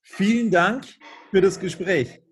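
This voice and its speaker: A man's voice: high-pitched, slow pace, husky. A man speaking politely as an interviewer.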